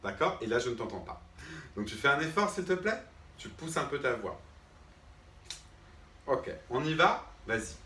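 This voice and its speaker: With big pitch swings, long pauses and a forceful, bright tone, he speaks at normal speed and medium pitch as the fed-up drama teacher. The solo comic sketch has him lecturing unseen students, patient before turning irritated and asking "d'accord?" again and again, captured from a distance in a roomy space.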